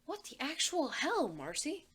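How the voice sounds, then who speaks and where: A woman's voice: sits high, wildly swooping pitch, measured pace, fairly bright tone, pitched above the performer's own voice, full character voice. A woman reading fan fiction aloud and voicing an exasperated, outspoken teenage girl who swears bluntly.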